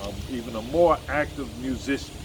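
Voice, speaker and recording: In a brisk, medium-pitched voice with a little hiss or hum on the recording, an American man in his sixties talks alone in a casual vlog. A vlogger and musician, he rambles about his own life, correcting himself and throwing in blunt, emphatic asides.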